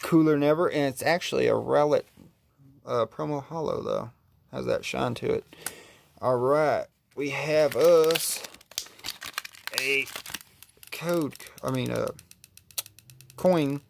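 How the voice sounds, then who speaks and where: A man with a drawl talks slowly in a gravelly, creaky voice. He chats in an easygoing, relaxed way, admiring each card he pulls from a pack. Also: medium pitch, slight background noise. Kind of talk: casual unboxing commentary.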